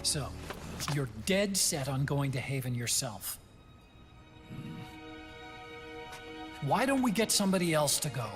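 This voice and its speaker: An actor playing an earnest, worried middle-aged scientist, explaining things with concern in dramatic game dialogue. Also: male voice, on the high side, sing-song, normal speed, music in the background.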